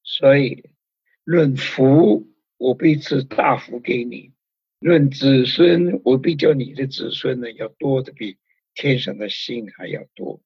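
God speaking solemnly, as a husky-voiced man preacher puts him on, dry slightly dull sound. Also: medium pitch, slow pace, no echo, full character voice. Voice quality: very husky, breathy voice. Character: God, a solemn male deity making promises.

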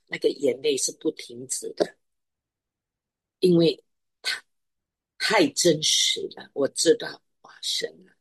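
Husky low-voiced woman preaching slowly. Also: dry recording. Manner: emphatic, repeats phrases for stress. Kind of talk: sermon.

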